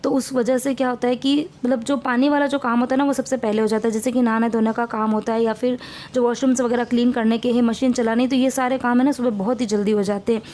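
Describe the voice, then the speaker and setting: Chatty woman vlogger with a mellow voice. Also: fairly high pitch, flat delivery, fast. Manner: chatty, rambling, homely cooking talk. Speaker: family vlogger. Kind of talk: casual vlog narration.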